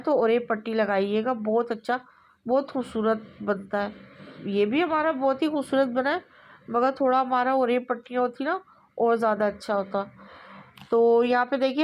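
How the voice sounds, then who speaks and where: A woman explaining kurti neck stitching step by step in a relaxed, repetitive way, pausing often with fillers. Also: on the high side. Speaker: sewing instructor. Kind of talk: step-by-step tailoring tutorial.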